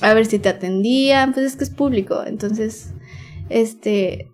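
A woman's voice: on the high side, measured pace, a little mellow, soft background music. Slangy young Mexican woman, frank storyteller. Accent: Mexican Spanish. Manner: slangy, frank, with many fillers and nervous laughs. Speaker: podcast guest. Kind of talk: candid personal storytelling.

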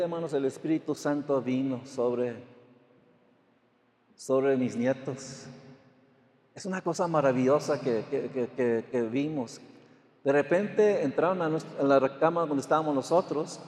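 A man's voice: a little high, a little mellow, echoey room, in a large hall. An older man, a pastor, telling a story in a sermon with frequent amens and repeated words. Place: church.

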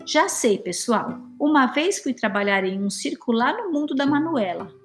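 A woman's voice: sits high, animated, normal speed, soft background music. A woman reading a storybook voices a showy, rambling male monkey who loves to tell tall tales. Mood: boastful. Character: boastful chatty male monkey.

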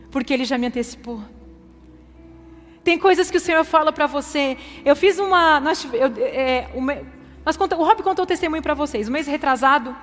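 A woman pastor preaches with a very high voice and fervent, building intensity. Her words carry a long reverb from a church hall, with soft music underneath. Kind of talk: sermon testimony.

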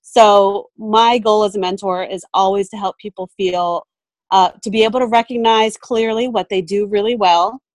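A woman in her thirties talking through her work in a relaxed interview, pausing often with ums and starting sentences over. Her voice sits in an ordinary middle range. The recording is close and dry, with little room sound. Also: mid-range voice, no room sound. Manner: thoughtful, many fillers and restarts. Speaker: photographer and mentor, podcast guest. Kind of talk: casual interview chat.

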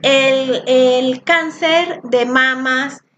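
A woman with a Venezuelan accent teaching an online group session, talking fast, loud and a little rushed. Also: high-pitched, steady tone, dull audio, slight background noise. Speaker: spiritual workshop teacher.

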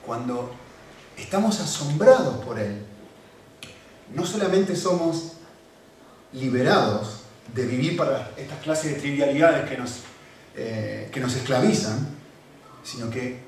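A man preaching a sermon in an animated, emphatic way, repeating phrases for emphasis. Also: medium pitch. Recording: echoey room from far off, faint background noise.

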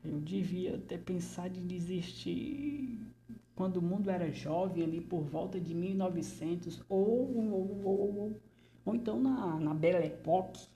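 A jittery male artist stammers through a slow, unhurried monologue, acted by a woman. The voice sits low and mellow, dropping now and then into frightened whispers. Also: slight background noise. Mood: anxious. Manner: stammering, nervous, slips into whispers. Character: frightened male artist under interrogation, rambling. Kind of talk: theatrical monologue.

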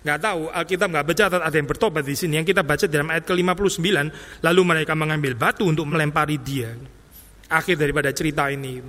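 A man's voice: a little high, steady tone, quick pace, a bit bright. A male preacher giving an expository sermon in a conversational way, often addressing listeners directly and slipping in English phrases. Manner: conversational, mixes English phrases, repeats "saudara". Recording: long reverb of a hall.

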